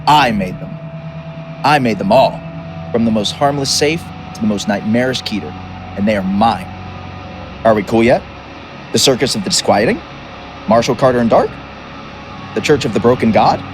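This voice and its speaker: A man's voice: mid-range voice, noisy background, close to an everyday voice. A man voicing a grandiose, mercurial chaos god and toymaker, theatrical and boastful, turning chatty and wry. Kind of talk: dramatic reading. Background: music.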